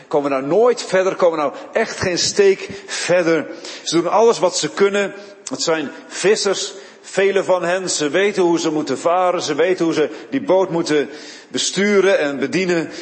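A man's voice: a little high, in a large hall. A man preaching a sermon, retelling a Bible story with dramatic storytelling and frequent word repeats.

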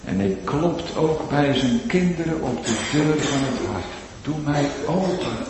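A man preaching a sermon, swinging between loud pleading cries and hushed, drawn-out low phrases. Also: lively intonation, background noise. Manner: slow, drawn-out emphatic delivery. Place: large church. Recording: echoey church hall with long reverb.

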